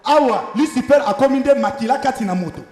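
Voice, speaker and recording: Male church interpreter, very fast and high, echoey hall. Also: a little mellow, soft background music. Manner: rapid, echoes preacher phrase by phrase. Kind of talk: live sermon interpretation.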